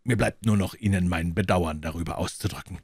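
A man voicing a calm, dry-witted male detective with a measured, polite manner, in an audiobook reading. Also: low voice, slightly rough, dry recording.

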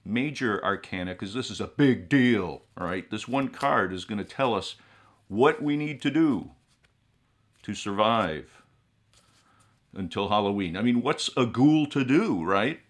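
A middle-aged man playing a ghoulish horror host, speaking in a drolly morbid, theatrical, drawn-out manner. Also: lowish voice, lively intonation. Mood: theatrically solemn. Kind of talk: comic horror-host monologue to viewers. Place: small indoor room with collectible shelves.

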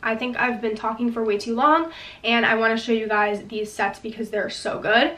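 A woman's voice: a little high, fairly even intonation, moderate pace, fairly bright tone. Stuffy-voiced woman vlogging in an echoey room. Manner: chatty, says "like" a lot, enthusiastic. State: stuffy, recovering from illness. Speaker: lifestyle vlogger. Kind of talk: casual chat to camera. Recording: roomy echo, mic at a distance.

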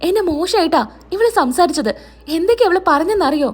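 A woman voicing a sharp-tongued mother who speaks in accusing, sarcastic tones. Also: very high-pitched, expressive, quick pace.

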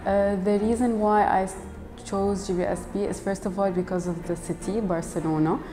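A young Lebanese business school student gives an interview testimonial in a mid-pitched, steady voice at normal speed. She's indoors against a plain wall and banner, in a reverberant hall with clear background music playing underneath.

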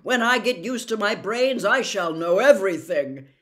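Woman doing a loud eager scarecrow man. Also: mid-range voice, expressive, normal speed, lightly acted. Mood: earnest. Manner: loud, bright and earnest. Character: eager cheerful male straw scarecrow.

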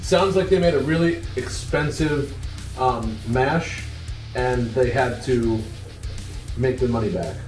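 A man's voice: mid-range voice, slow pace, a little mellow, reverberant, distant mic, faint music behind, rough recording. A man in a casual roundtable beer review who talks bluntly and swears freely.

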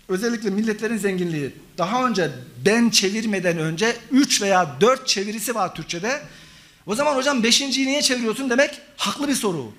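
A man's voice: sits high, a bit bright. A middle-aged man, a professor, giving an academic conference talk, lecturing and listing examples for the audience. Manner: lecturing, addresses audience as friends, lists synonyms. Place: conference hall.

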